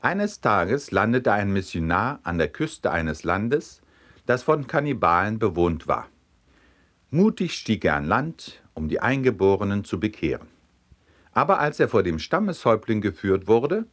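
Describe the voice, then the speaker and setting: A man with a low voice narrates humorous anecdotes as scripted storytelling. He reads with lively, animated swings in pitch, slowing down for the punchlines.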